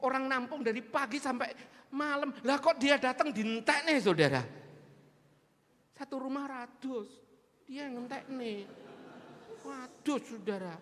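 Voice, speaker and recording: A man's voice: extremely high pitch, a little slow, pauses often. A man with an East Javanese accent preaching a sermon, telling stories animatedly and speaking straight to the congregation. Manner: animated, mixes local slang, addresses congregation. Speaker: pastor. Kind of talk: storytelling sermon. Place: church sanctuary. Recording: long church-hall reverb.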